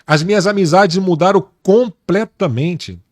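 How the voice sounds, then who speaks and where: A male pastor giving his personal testimony in an interview, speaking earnestly and slowly with emphatic repetition. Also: high voice. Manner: earnest, slow and emphatic, repeating words for weight.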